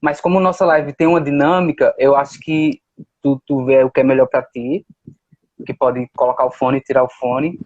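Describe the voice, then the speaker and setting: A man's voice: medium pitch, flat delivery, normal speed, darkish tone, dry recording, highs cut off. A man hosting a live stream, cutting in briefly and casually to talk with his guest.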